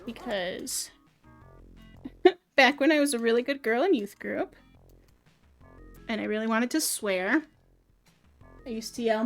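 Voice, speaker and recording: A woman streaming a game live, chatting in a joking, self-mocking way, her voice a bit rough from being sick. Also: on the high side. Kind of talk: live gameplay stream chat.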